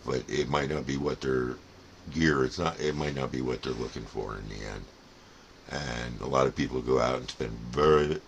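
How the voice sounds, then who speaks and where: Creaky and very deep, the voice belongs to an older radio hobbyist who hosts a channel, recorded with slight background noise. His explanation is casual, rambling, and folksy, delivered plainly.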